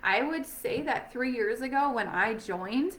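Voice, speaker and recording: Woman, chatty sales rep, slightly high-pitched, upbeat, filler-heavy casual talk. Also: animated, a little slow, fairly bright tone. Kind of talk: casual recruiting chat. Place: home.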